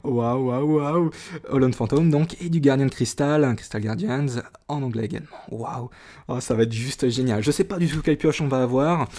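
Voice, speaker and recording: A man talks casually on camera as he opens a card tin. He keeps breaking into excited gasps of wonder and often stalls on fillers and restarts. His voice sits at an ordinary middle pitch. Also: a little fast. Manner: enthusiastic, often exclaims in wonder; hesitant, many fillers and restarts. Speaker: YouTuber opening a trading card tin. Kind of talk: casual unboxing commentary.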